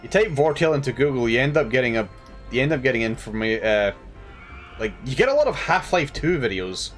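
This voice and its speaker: A man's voice: medium pitch, big pitch swings, fairly quick, soft background music. A tired man chatting casually while streaming a game, rambling and laughing at himself. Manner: rambling, laughing, self-deprecating.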